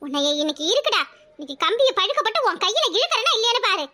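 A woman's voice: very high voice, big pitch swings, rapid-fire, sharp tone, heavily acted. A woman playing a fiercely scolding cartoon mother. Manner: threatening, nagging. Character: angry scolding village mother.

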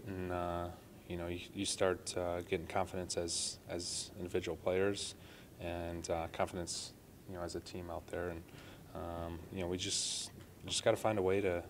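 Speaking in a low voice, a hockey player in his thirties gives an earnest post-game media interview in the arena press room, peppered with "you know." There's slight noise in the background.

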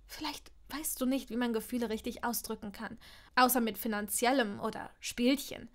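A fiery young witch pushes every phrase hard, raising her bright, high voice with strong emphasis, as a woman reading an audiobook plays her. She sounds proud and stubborn. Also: lively intonation, moderate pace. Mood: sad. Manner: loud, heated, emphatic. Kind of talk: audiobook reading of fan fiction.

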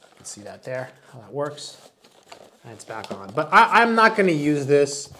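This fortysomething man sounds very animated, his voice fairly high and his pace moderate, as he casually and eagerly demonstrates a product he's reviewing indoors. Background noise is present in the small wood-panelled room.

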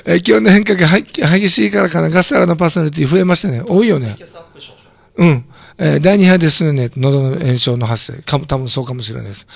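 A hoarse man with a throat cold hosting a community radio show, chatting casually and joking while reading listener comments. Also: a little high, fast, no room sound. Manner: chatty, jokey, reacts to comments aloud. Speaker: radio host.

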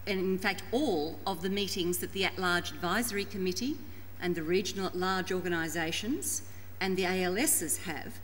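A woman with an Australian accent presenting to a conference panel in formal, deliberate and articulate phrasing. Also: mid-range voice, fairly bright tone. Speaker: panel presenter introducing and restating a colleague's talk. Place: large conference room. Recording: echoey hall with background noise.

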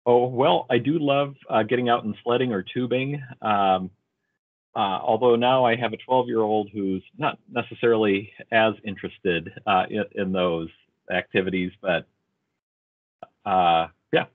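A man with a fairly low voice introduces himself casually, pausing often with um and uh. His audio is thin and phone-like. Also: fairly even intonation. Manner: casual, frequent ums and uhs. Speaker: nonprofit executive director. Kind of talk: self-introduction on a video call.

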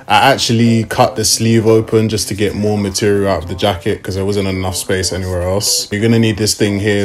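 A young man talking through a sewing tutorial in a relaxed, casual way, with the odd um along the way. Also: low-pitched. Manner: relaxed, step-by-step explaining with fillers. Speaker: fashion DIY vlogger. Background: hip hop music.

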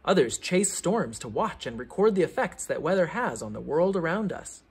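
A man reads a children's science book aloud in a teacherly way, giving theatrical emphasis and explaining clearly. His fairly high voice is very animated, and he keeps a moderate pace.

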